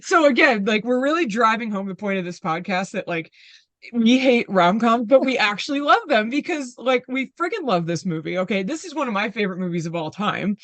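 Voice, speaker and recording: A woman co-hosting a casual podcast, chatty and quick to laugh. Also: medium pitch, expressive, a bit bright, dry recording. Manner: chatty, many "like" fillers, laughs a lot. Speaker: podcast co-host. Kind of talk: casual chat.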